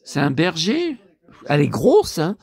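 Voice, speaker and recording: A man's voice: on the high side, huge pitch swings, a little slow, darkish tone, slightly rough. A man from the Lyon area talking in a casual vlog, rambling and chatty as he shows his purchases, with bursts of exasperated complaint. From Lyon area, France. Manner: rambling, chatty, many fillers and tag questions. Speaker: vlogger.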